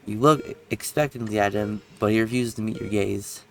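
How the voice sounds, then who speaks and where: A man's voice: fairly low pitch, a little fast, creaky, fairly bright tone. A young man playing a story game, reading its text aloud and breaking off into rambling, self-correcting commentary. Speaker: game streamer.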